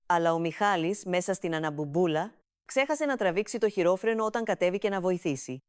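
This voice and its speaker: A woman narrating a comic family story with an even, steady storytelling delivery, recorded close to the mic. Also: fairly low pitch, clear, resonant tone, no echo.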